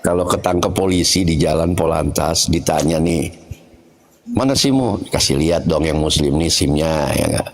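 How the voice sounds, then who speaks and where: A man's voice: extremely low pitch, little pitch movement, normal speed, few pauses. A man taking part in an online debate who cracks wry jokes and acts out mock quotes to make his points. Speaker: debate participant.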